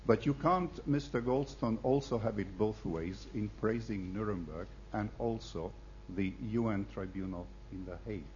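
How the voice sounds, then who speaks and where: A man from the audience making a forceful, argumentative point at a public debate. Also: on the low side, normal speed, lo-fi sound, a little hiss or hum. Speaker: audience member asking a question. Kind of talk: public debate floor question.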